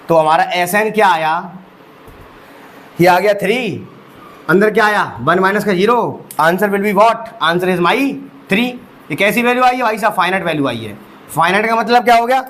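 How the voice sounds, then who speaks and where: In an exam-prep lecture, a young man with a high, somewhat bright voice teaches maths. He walks students through each step, asking rhetorical questions and calling them "bhai sahab."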